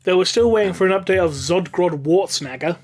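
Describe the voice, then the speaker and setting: A man's voice: high-pitched, fairly quick, a little mellow. A man chatting on a podcast panel, explaining things in long run-on stretches and swearing casually. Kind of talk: casual chat.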